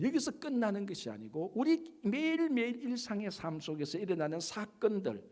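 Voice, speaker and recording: Preaching man with a lively pitch. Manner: emphatic preaching with rhetorical questions, slowing for stress. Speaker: pastor. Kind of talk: sermon. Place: church sanctuary.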